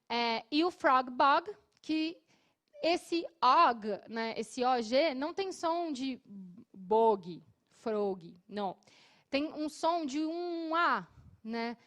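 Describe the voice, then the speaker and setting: A Brazilian woman teaching an English class, explaining patiently and modeling words slowly. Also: fairly high pitch.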